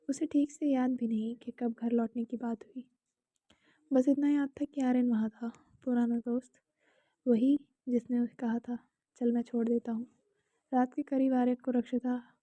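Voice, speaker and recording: This is a slightly dull, dry home recording with no room sound, in which a young woman with an Indian accent calmly narrates a love story. Her pitch is fairly high, and she occasionally whispers and turns to the listener with casual asides.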